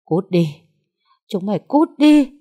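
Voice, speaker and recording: A woman voicing a distraught, exhausted young woman who cries out in a shrill, accusing tone. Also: very animated, slow, mellow. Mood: lashing out.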